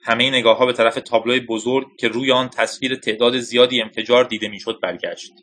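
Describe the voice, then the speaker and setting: A male narrator reads a thriller in an even, dramatic storytelling manner. His voice is bright and forceful, at a middle pitch. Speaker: audiobook narrator. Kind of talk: scripted narration.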